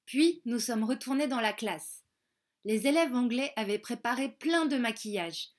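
Slow, careful woman reading a children's story. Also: a little high. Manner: slow, careful, repeats words for learners. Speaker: audiobook reader.

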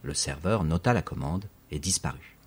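Deep, husky male narrator. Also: normal speed. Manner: steady, clear reading, reading dictionary entries. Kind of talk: scripted audiobook narration.

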